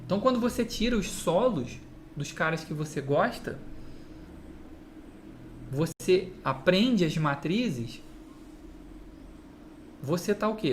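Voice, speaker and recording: A man with a Brazilian Portuguese accent giving a direct-to-camera guitar lesson, often checking in with the listener through quick rhetorical questions. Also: sits high, slight background noise. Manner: explains with repeated "entende?" and quick rhetorical asides. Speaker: guitar teacher.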